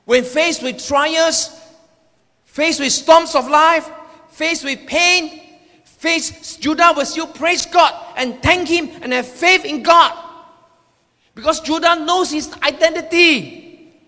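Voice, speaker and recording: A male preacher with a high, forceful voice gives a slow sermon in a hall with long reverb, offering personal prophetic words to the congregation. He speaks in emphatic declarations and often repeats phrases for weight. His tone comes across bright and sharp.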